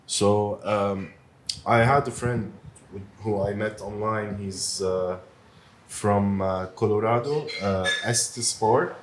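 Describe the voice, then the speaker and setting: A man from Lebanon who owns a pizzeria, talking casually in an interview with many pauses and fillers. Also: lowish voice. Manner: hesitant, many fillers, soft-spoken. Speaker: pizzeria owner. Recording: faint background noise.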